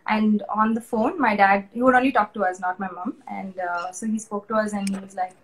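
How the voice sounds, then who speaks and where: A woman's voice: mid-range voice, fairly even intonation, a little fast, low-quality recording. A young woman with an Indian English accent, sharing a personal faith testimony in an interview, earnest and conversational with many fillers. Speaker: interview guest.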